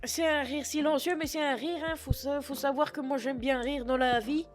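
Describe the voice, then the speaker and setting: A man putting on a high-voiced old patois granny. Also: fairly even intonation, moderate pace, faint music behind. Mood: rambling. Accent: put-on Picard and Norman patois mix. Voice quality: sniffly, rambling, swears a lot. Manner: chatty, flustered, self-mocking asides to chat. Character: 60-year-old foul-mouthed female shop clerk, scatterbrained. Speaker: streamer doing roleplay. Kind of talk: live-streamed game roleplay. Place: at home at a computer.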